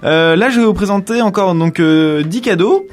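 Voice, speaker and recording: A man's voice: sits high, normal speed. A man co-hosting a casual radio show, rambling through gift ideas with many restarts and fillers.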